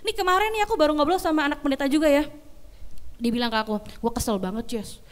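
A young woman giving a casual youth sermon, chatty and animated, slipping English phrases into her storytelling. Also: high voice, fast. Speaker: youth pastor.

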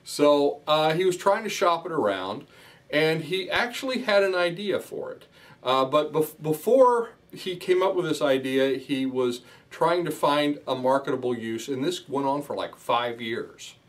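A man hosting a show, telling a story to the camera in a lively, conversational way, with frequent fillers and restarts. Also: on the high side, measured pace. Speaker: host. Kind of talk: casual talk to camera. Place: office room with sticky notes behind him.

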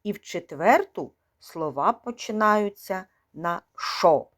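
A woman teaching a preschool literacy lesson, speaking slowly and in a sing-song way, drawing out words for small children. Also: medium pitch, expressive, reverberant. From Ukraine. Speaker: kindergarten teacher.

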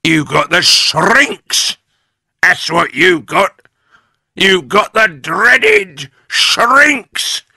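Storybook villain husband, a man acting him out: loud, forceful, very slow emphatic taunts, gleefully nasty old schemer. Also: sits high, big pitch swings, gravelly, no room sound, clean studio sound, voice pushed up, full character voice. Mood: gloating, menacing. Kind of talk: children's storybook character voice.

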